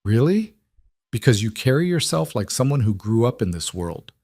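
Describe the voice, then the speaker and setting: Icy rich young woman in an audiobook thriller, probing and menacing, lifted pitch, voiced by the male narrator. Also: very animated, moderate pace, darkish tone, dry recording, clean studio sound. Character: suspicious, threatening young society woman.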